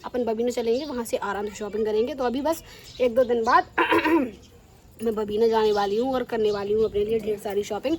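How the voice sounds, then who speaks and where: A young woman chatting casually to her vlog viewers, teasing and animated. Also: a little high, normal speed, a little hiss or hum. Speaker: vlogger.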